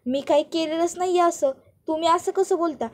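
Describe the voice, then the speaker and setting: A woman's voice: extremely high pitch, brisk, voice pushed up. A woman voicing a middle-aged village mother who protests and wails theatrically, pleading in rural dialect.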